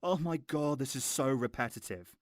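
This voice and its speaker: A man's voice: medium pitch, normal speed, very noisy. A man narrating a scripted film review in a mocking, exasperated, sweary way.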